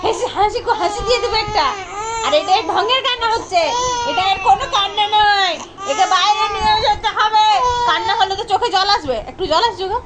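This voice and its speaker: A woman's voice: very high-pitched, fairly quick, background noise. A mother vlogging with her baby, talking to her in a playful sing-song way. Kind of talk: casual family vlog.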